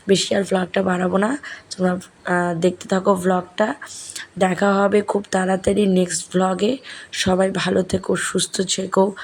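Hoarse woman vlogger, flat soft voice. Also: medium pitch. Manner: chatty, speaks softly and directly to viewers. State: hoarse, sore throat. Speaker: family vlogger. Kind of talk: casual vlog voice-over. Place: home at night, voice-over while editing.

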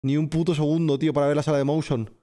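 A man doing live gameplay commentary, excitable, swearing and shouting at the game while talking to his chat. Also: a little high, very fast. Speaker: streamer. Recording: game music behind the voice.

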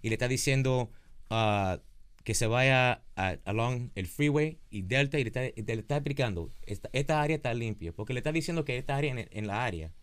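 A man with a medium-pitched voice explains things informally into a studio mic. He repeats himself and slips English phrases into his Spanish. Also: lively intonation, brisk, smooth. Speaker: aviation commentator. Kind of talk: informal explanation of radio traffic. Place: small padded podcast studio. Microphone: boom-arm studio microphone, headphones.

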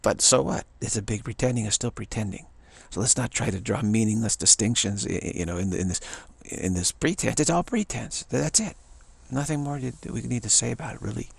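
An older spiritual teacher gives a halting, repetitive, rambling monologue with plenty of chuckles, filmed on an action camera. His mid-range voice is gravelly with a breathy edge, and his intonation is lively.

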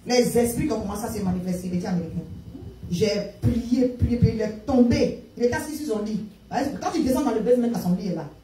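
A woman from Africa with an African French accent, preaching a sermon as a prophetess and telling a story in animated fashion, mixing French and English. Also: fairly high pitch, quick pace. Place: church sanctuary. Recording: echoey room, distant from the mic.

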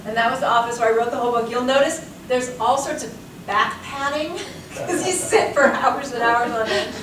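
This is a curator in her forties lecturing to a seminar-room audience, telling anecdotes in a chatty manner and laughing often, her voice on the high side at a moderate pace. The room mic is far away, so the recording is echoey with hiss in the background.

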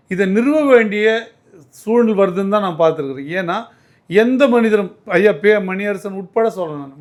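In an interview, a high-pitched man speaking as a political commentator argues emphatically, frequently restarting his words.

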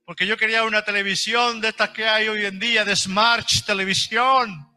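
A man's voice: high-pitched, sharp tone. A middle-aged man, preaching a sermon as pastor in an emphatic, repetitive way with homely examples.

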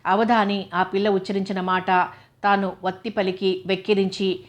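A woman reads a story aloud as an audiobook narrator. She keeps a medium pitch and a flat, even delivery. Her storytelling stays steady throughout. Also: normal speed.

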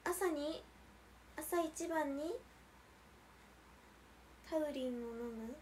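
A woman's voice: high-pitched, extremely slow, a little mellow, slight background noise. A young woman hosting a casual idol livestream, chatting and reading out viewer comments with frequent giggles.

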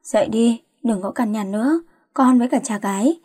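A fussy, worried middle-aged mother who keeps nagging and scolding, as a woman reads her part. The voice sits fairly high and warm, and the recording is dry and close. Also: moderate pace, husky, no echo.

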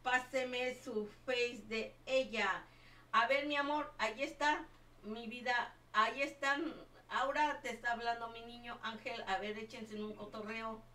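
A woman's voice: a little high, steady tone, measured pace, bright, forceful tone. An older woman, chatting on a live game stream and fondly calling everyone her children and her loves. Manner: doting, calls everyone my child and my love. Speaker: livestreaming gamer. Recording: echoey room, far from the mic.

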